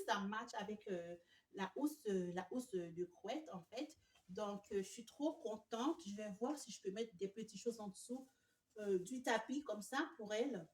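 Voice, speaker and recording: A woman, gushing excitedly through a casual home decor haul with many fillers. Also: fairly high pitch. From Canada. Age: 20s. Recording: echoey room, mic at a distance.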